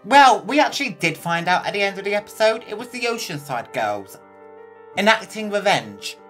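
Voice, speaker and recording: A young British woman hosting a casual, expressive episode review, chatty and swearing freely. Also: mid-range voice, moderate pace, faint music behind. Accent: British English. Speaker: reaction video host.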